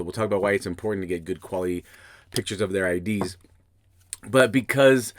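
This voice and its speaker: A podcast host with a mid-range, slightly scratchy voice explains things in a relaxed, instructional way. He often restarts his sentences as he thinks out loud. The sound is studio quality with no echo.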